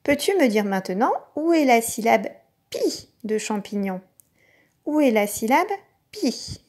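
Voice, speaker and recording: Slow, lively woman teacher. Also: fairly high pitch. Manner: slow, clearly articulated, patient, sounding out syllables. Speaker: kindergarten teacher. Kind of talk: recorded classroom lesson for young children.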